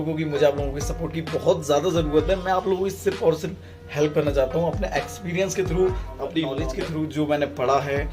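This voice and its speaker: A man giving communication tips to his video audience in a calm, unhurried, deliberate way. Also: fairly high pitch. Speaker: YouTube self-help creator. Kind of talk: casual advice talk to camera.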